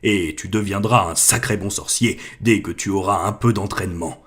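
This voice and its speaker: Hagrid, a gruff giant, voiced by a man. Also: a bit bright. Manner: slow, heavy, booming when angry. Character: huge gruff half-giant gamekeeper, hot-tempered but kind.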